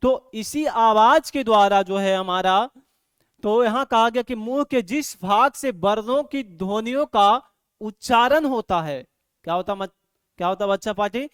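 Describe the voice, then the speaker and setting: A man teaching an online grammar lesson, asking his students questions over and over and loudly sounding out syllables for them to repeat. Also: high-pitched, unhurried, smooth, dry recording, clean studio sound. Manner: repeats "ठीक है" and quizzes students constantly; drills syllables aloud, louder on examples. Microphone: microphone.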